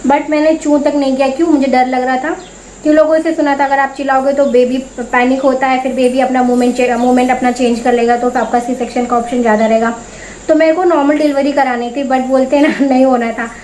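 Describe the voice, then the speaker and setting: Young woman, from India, high voice, chatty storytelling vlog, acts out quotes, faint background noise. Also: little pitch movement, fairly quick, a little mellow, poor audio. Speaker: vlogger. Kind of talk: casual storytelling to camera.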